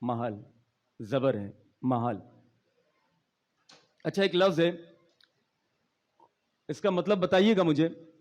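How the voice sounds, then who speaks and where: A high-voiced man speaks from a stage, mixing playful, teasing asides with declaimed verse. His delivery swells as he recites poetry. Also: big pitch swings, slow pace, long pauses, darkish tone. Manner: declaiming, rising intensity in verse. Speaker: guest speaker at a school speech competition.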